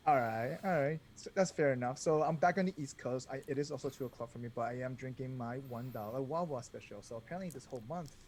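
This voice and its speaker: A man's voice: medium pitch, fast, hardly any pauses, darkish tone, a little hiss or hum. A man co-hosting a casual podcast chat, laid-back and rambling, often chuckling. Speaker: podcast co-host.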